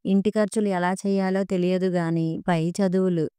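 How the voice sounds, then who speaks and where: Woman doing a scornful angry husband, mocking and loud, low warm voice, smooth, storybook reading. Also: flat delivery, normal speed, no echo, studio quality, close to an everyday voice. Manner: shouting, mocking.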